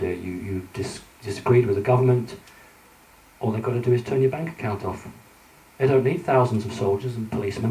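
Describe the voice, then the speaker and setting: A man's voice: medium pitch, a little mellow, a little hiss or hum. A man giving a conference lecture from slides, earnest and hesitant with many fillers. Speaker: conference speaker. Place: conference hall. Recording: echoey hall, mic at a distance.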